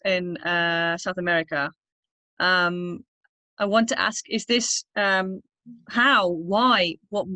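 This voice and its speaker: A woman asking a researcher questions on a video call, halting with many restarts. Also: mid-range voice, fairly bright tone, dry recording. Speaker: panel questioner. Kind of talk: asking questions in online panel.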